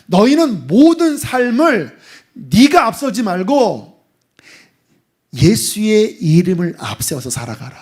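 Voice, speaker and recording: A middle-aged man preaching a sermon as pastor, lively and emphatic, at times dropping to a hushed voice. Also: sits high. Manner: animated preaching, drops to hushed voice for acted asides.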